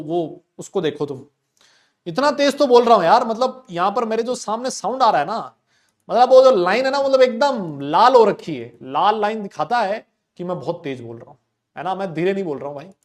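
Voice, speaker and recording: A young male chemistry teacher giving an online class, chatty and loud, talking to students and voicing their questions himself. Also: sits high, animated, normal speed.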